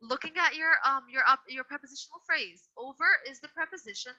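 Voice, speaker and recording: Bright and forceful, a high-voiced woman talks quickly as she leads an online grammar lesson. She patiently but firmly repeats and corrects her students, all captured in dull, lo-fi video call sound.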